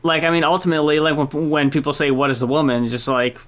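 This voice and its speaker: A woman with a low voice co-hosts a podcast, chatting casually about music at a fast pace in a level tone. She's blunt, swears freely, and laughs often.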